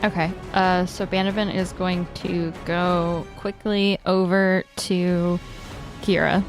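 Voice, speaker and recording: A woman's voice: lowish voice, flat delivery, slow, music in the background. A woman playing a tabletop game, hesitant and searching for words as she plans her turn. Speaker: player.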